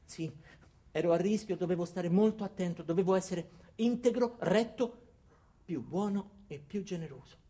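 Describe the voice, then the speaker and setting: An actor with a high voice and moderate pace plays an insecure, earnest office worker in a comic radio drama, narrating his own tale hesitantly and deadpan.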